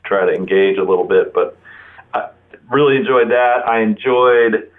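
On a narrow-band telephone line, a Florida man in his forties chats casually as an interview guest. His voice is medium-pitched and he keeps a moderate pace.

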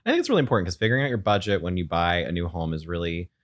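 Man co-host, very lively pitch, jokes around, casual. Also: very fast. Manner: playful, joking. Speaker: podcast co-host. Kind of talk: casual podcast chat.

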